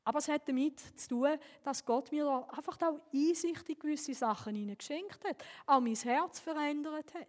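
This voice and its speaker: A woman's voice: sits high, moderate pace, few pauses. Swiss German woman preaching in a hall. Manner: personal storytelling, earnest and lively. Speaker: pastor. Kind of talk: sermon.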